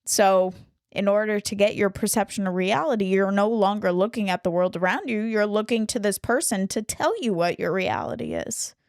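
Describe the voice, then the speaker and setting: A woman co-hosting a relaxed film podcast, talking through ideas with sarcastic asides and frequent laughs. Her voice sits at a middle pitch. It is recorded dry, with little room sound. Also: normal speed, clean tone, no room sound. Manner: sarcastic, explanatory, laughs often. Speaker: podcast co-host. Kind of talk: casual film discussion podcast.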